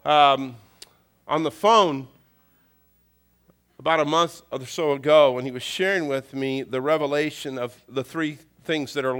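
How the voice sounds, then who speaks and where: A man's voice: medium pitch, a bit bright, clean tone. A middle-aged man preaching a sermon, telling folksy, humorous family stories and repeating key phrases for emphasis. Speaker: pastor.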